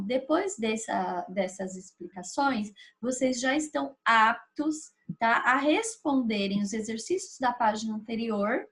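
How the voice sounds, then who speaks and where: A woman teacher with a Brazilian Portuguese accent, patiently explaining a grammar lesson step by step and checking in with her students. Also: on the high side. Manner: patient, explaining step by step with frequent tag questions.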